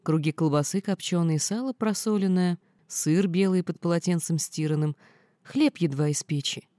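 Warm-voiced woman reading a folksy tale. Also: lowish voice, moderate pace, no room sound, clean studio sound. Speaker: audiobook narrator. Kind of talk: first-person storybook narration.

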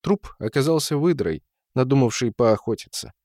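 A man's voice: mid-range voice, expressive, moderate pace, darkish tone, no echo. Man reading a story, dry and close. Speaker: narrator. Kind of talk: audiobook reading.

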